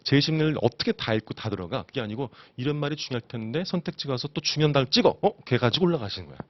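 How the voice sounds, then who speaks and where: Animated male exam-prep lecturer. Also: mid-range voice, very fast, no echo, highs cut off. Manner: animated, asks students rhetorical questions. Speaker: instructor.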